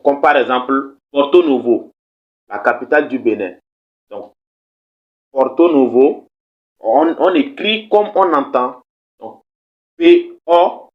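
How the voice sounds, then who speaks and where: A man teaching a language lesson on video, speaking patiently, repeating words and checking that viewers follow. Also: mid-range voice. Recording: slightly dull, lo-fi recording.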